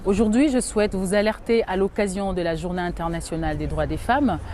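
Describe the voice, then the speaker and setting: A woman from DR Congo, a human rights lawyer, giving a formal, measured awareness statement. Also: lowish voice, warm tone.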